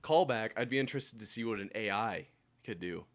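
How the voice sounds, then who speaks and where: A man's voice: on the low side, lively intonation, brisk. A man hosting a casual sports podcast in a studio, rambling with lots of hedging and fillers. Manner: rambling, hedges with "like", laughs while talking. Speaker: podcast host.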